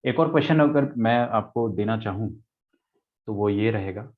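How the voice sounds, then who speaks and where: A man's voice: on the low side, normal speed. A male maths teacher giving an online lecture, mixing Hindi and English, explaining step by step and answering his own questions. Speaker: math teacher. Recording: tinny phone-like lecture audio.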